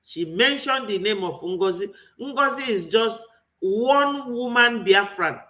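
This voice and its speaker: A man with a Nigerian accent delivers an impassioned online political commentary, packed with rhetorical questions. His high, bright voice is animated and forceful, yet he speaks slowly.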